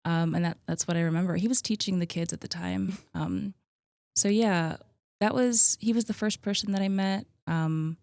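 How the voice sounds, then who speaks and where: A woman's voice: on the low side, moderate pace, vocal fry, no echo, clean studio sound. Chatty woman in her thirties. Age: 30s. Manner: chatty, relaxed, many likes and ums. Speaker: podcast guest, gym co-owner. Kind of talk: casual conversational interview.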